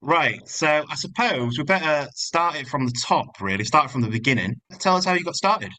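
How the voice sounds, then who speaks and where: A man's voice: a little high, animated, normal speed, pushed and bright, poor audio. A man hosting an interview, asking friendly, slightly hesitant questions. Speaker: interview host.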